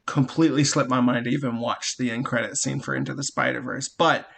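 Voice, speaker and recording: Man in his thirties with a lively storytelling voice. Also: mid-range voice, fairly quick, gravelly, husky. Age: 30s. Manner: lively storyteller who laughs at his own tales. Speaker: podcast co-host. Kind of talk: casual chat.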